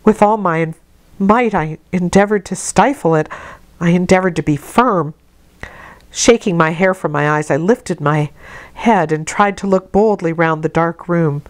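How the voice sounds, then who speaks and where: Woman reading an old novel aloud, lowish pitch, calm and dramatic. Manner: expressive, measured dramatic reading. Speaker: audiobook reader. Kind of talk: scripted narration.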